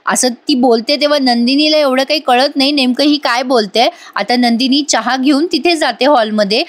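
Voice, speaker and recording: A woman narrating a voice-over recap of a TV serial episode. Her voice is high, and she tells the story plainly, linking each step of the scene as she goes. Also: moderate pace. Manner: plain storytelling with "आता" links.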